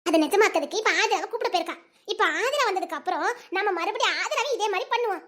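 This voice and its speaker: A woman's voice: very high voice, animated, a bit bright. A woman voicing a scheming young village woman who plots persuasively, with a Tirunelveli Tamil accent. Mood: plotting. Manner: fast, persuasive, conspiratorial. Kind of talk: Tamil serial drama dialogue.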